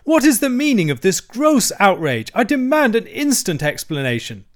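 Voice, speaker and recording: A man doing a shrill blustering toad. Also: sing-song, moderate pace. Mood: indignant. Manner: blustering, high and shouty. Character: loud brash excitable male toad, boastful.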